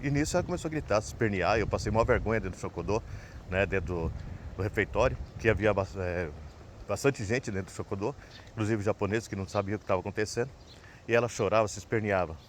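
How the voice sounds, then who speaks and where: Brazilian guy rambling through a story, lowish voice, bit of traffic noise outside. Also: quick pace. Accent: Brazilian Portuguese. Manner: rambling, tags sentences with "né?". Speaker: vlogger. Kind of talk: casual personal storytelling.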